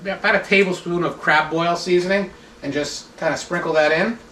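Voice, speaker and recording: A man chef giving a step-by-step cooking demonstration in a relaxed, instructive way, stopping now and then to restart a phrase. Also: high-pitched, moderate pace, background noise. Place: kitchen. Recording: echoey kitchen, mic at a distance. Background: sizzling pan sounds.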